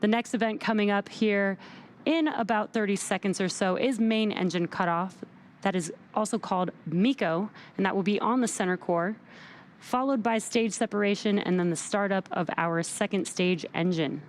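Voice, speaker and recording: A woman's voice: mid-range voice, normal speed, a little hiss or hum. A woman hosting a live launch webcast, explaining technical terms plainly as she commentates.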